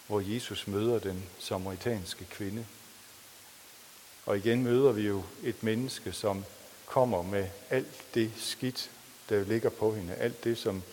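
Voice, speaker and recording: A man preaching a sermon, reading a story aloud with feeling and then talking plainly with pauses and restarts. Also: lowish voice, darkish tone, slight background noise. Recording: long reverb of a hall.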